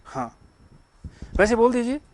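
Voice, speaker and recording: A man's voice: very high voice, sing-song, a little slow. A man teaching English grammar to a class. He keeps asking the students questions and then answers them himself.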